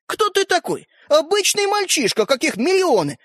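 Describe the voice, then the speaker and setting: A cheeky, boastful tiny toy boy, as a man reads him, speaking shrill and high. His voice leaps around indignantly and sounds dry and close. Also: wildly swooping pitch, a bit bright, dry recording, heavily acted. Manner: shrill, indignant, quick to bristle.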